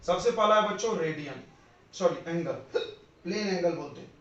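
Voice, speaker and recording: A male physics teacher lecturing a class, quizzing his students and dictating definitions slowly, word by word. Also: high-pitched, animated, fairly bright tone. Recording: roomy, distant, dull classroom recording.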